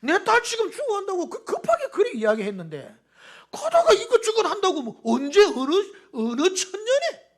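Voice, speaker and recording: An aggrieved father with a thick Gyeongsang accent, as a pastor plays him in a sermon, his complaint climbing high and swooping wildly. He sounds half-laughing and half-pleading. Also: huge pitch swings, moderate pace, heavily acted. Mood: exasperated complaint. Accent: Gyeongsang dialect.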